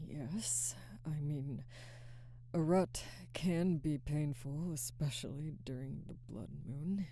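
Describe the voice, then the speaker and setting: Playing a protective yet conflicted alpha werewolf who is barely holding herself back, a woman performs an intimate ASMR roleplay in a heavily acted, dark, low voice. She sounds awkward and reluctant, husky and breathy, hesitating, sighing and repeatedly sinking into a whisper, with no echo in the recording.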